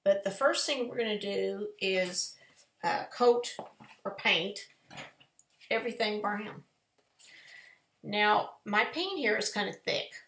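A woman's voice: medium pitch, slow, pauses often, fairly bright tone. A woman, giving a chatty, folksy step-by-step painting lesson in a live tutorial. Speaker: painting teacher. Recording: echoey room.

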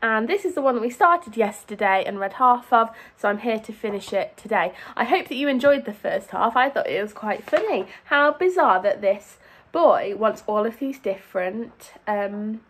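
High and lively, a young woman's voice carries a children's story, her pitch dipping and climbing in big swoops. She reads like a primary teacher, stressing and lengthening key words so young listeners can follow.

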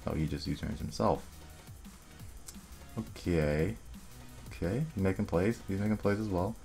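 A young man casually commentating his own online game, thinking aloud and muttering quick asides to himself. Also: low voice, gravelly, warm tone. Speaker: gaming video creator. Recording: faint music underneath.

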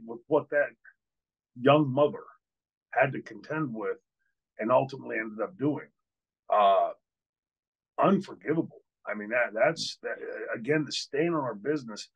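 Poor audio captures an older man, a host and former wrestler, telling a candid interview story over a webcam call from a hotel room. His medium-pitched voice is gravelly with a breathy edge, and his speech is full of fillers and restarts.

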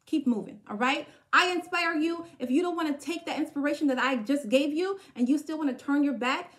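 A woman's voice: high-pitched, fairly quick, fairly bright tone. A woman hosting a podcast, giving an emphatic spiritual pep talk full of repeated phrases and a questioning "okay?" after each point. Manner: emphatic, repetitive, punctuates with "okay?". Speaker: podcast host.

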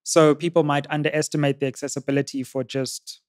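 A young man hosting a casual studio interview, relaxed and encouraging, often dropping to a low murmur. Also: a little fast, no echo. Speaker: interview host. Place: studio with sofas, indoors. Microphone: boom-arm podcast mic.

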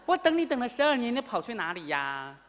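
A woman's voice: on the low side, very animated, a little fast, a bit bright, big-room sound. A woman voicing a discouraged male monk who sighs and pleads after years of fruitless retreat, in a story told to a class. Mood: pleading. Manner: plaintive, sighing.

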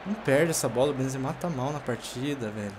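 A man's voice: mid-range voice, quick pace. A man with a Brazilian accent giving casual live commentary on his own football game, exclaiming anxiously as he plays. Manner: panicking, exclaiming anxiously at the play. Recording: clear game crowd noise behind voice. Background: football video game stadium ambience.

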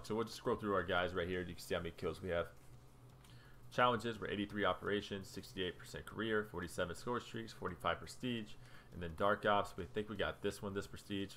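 A man's voice: deep voice, a bit bright, a little hiss or hum. A young man casually talking through his game stats as a gaming video creator, chatty and loose while scrolling through menus. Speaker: gaming YouTuber. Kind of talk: casual gameplay commentary.

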